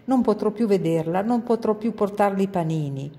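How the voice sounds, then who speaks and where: A woman's voice: mid-range voice, fairly quick, mellow, in a large hall, pitched above the performer's own voice, close to an everyday voice. A woman reading aloud and voicing a homesick little girl who speaks in a plaintive, earnest way. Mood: tearful.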